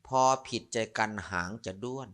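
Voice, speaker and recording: A man preaching as a Buddhist monk, his Isan accent running through a lighthearted Dharma talk. He tells stories and jokes and teases the people listening. His voice is bright and forceful, carrying each punchline. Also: moderate pace. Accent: Northeastern Thai (Isan). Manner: joking, storytelling, playful asides to the audience. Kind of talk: humorous Dharma sermon.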